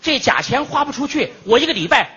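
A man's voice: very high voice, big pitch swings, brisk, sharp tone, dull audio. A man performing as lead crosstalk comedian, telling his story animatedly and coming back to the same punchline refrains.

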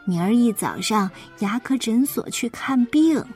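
A woman voicing a kindly, hard-of-hearing old grandmother, speaking low and softly with a doting manner. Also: animated, a little slow, soft background music.

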